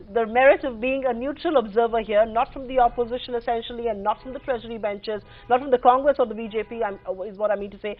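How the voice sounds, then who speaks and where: A woman's voice: sits high, phone-quality sound. A woman with an Indian accent moderating a live TV panel debate as anchor, with formal, emphatic, wordy questions.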